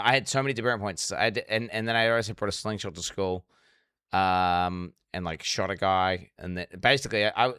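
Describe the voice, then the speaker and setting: A man's voice: mid-range voice, sharp tone, smooth, no echo, studio quality. A young man streaming casual commentary, rambling and swearing with many restarts. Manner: rambling, profane, restarts often. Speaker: streamer reacting to a documentary.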